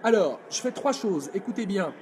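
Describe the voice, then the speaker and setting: A man coaching public speaking in a live video workshop, energetic and demonstrative, answering viewers' comments. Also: high-pitched, normal speed, slight background noise. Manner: energetic, demonstrative, reads chat comments aloud.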